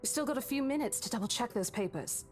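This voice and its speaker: Woman acting female estate agent, story character, courteous, brisk, lively intonation, background music. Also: fairly high pitch, pitched above the performer's own voice, lightly acted.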